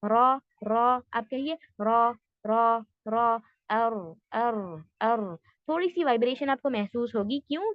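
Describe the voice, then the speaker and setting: A woman teaching a tajweed class online, patiently explaining step by step and slowly modelling sounds. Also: high-pitched, dry recording, dull audio.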